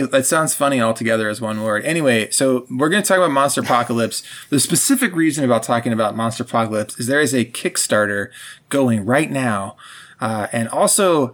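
A man chatting on a gaming podcast with friends. He rambles and jumps between tangents, restarting his sentences as he goes. His voice sits at an ordinary middle pitch. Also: fairly bright tone. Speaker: podcast co-host. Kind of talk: casual podcast chat.

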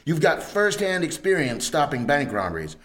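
A man's voice: fairly high pitch, very animated, normal speed, a bit bright. A man voicing a demanding, curt and authoritative krill police chief in a comedic radio play. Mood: commanding.

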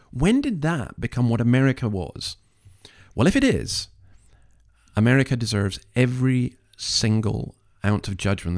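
A man's voice: mid-range voice, a little mellow. A man hosting an opinionated commentary, speaking in an earnest, emphatic, moralising way with rhetorical questions. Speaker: commentary podcast host.

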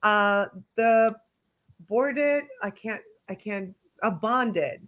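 A woman hosting a casual interview, upbeat and quick to agree. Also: medium pitch, a bit bright. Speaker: interview host.

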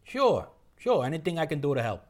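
A woman voicing a sly male vampire calling in, speaking slowly in a lowered voice. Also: big pitch swings, a little mellow. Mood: sly helpful.

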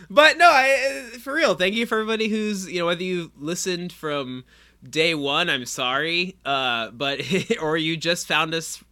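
A man's voice: on the high side, normal speed, pushed and bright. A man co-hosting a podcast in casual, jokey chat, with a playful, profane manner. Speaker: podcast co-host.

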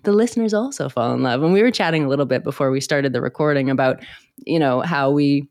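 A woman with a creaky, slightly hoarse voice, chatting casually and playfully as a podcast interviewer. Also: a bass voice, quick pace, a little mellow, no echo, clean studio sound. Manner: laughs easily, playful. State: hoarse from bronchitis. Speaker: podcast host.

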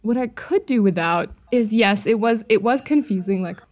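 A woman's voice: mid-range voice, lively intonation, normal speed, a little mellow. A young woman co-hosting a podcast, reading a creepy story aloud with a profane, giggly, mock-dramatic delivery. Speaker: podcast co-host.

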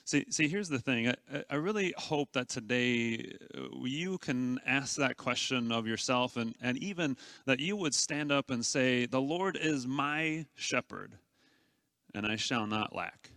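Male pastor, conversational sermon, earnest, stammers and restarts, crisp forward tone. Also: mid-range voice, unhurried, bright, forceful tone, dry recording, studio quality.

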